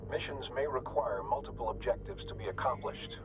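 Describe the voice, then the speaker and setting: A man's voice: medium pitch, brisk, a loud crowd, lightly acted. A man as muffled military fleet instructor. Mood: calm, instructive. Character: calm, formal military fleet training instructor. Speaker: tutorial voice. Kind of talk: formal scripted instructions. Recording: muffled radio-like sound, music behind. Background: music.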